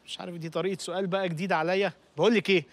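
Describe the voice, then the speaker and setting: An actor playing a stubborn, deadpan employee who politely refuses everything, with an Egyptian accent. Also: male voice, sits high, rapid-fire. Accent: Egyptian Arabic. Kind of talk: film comedy acting.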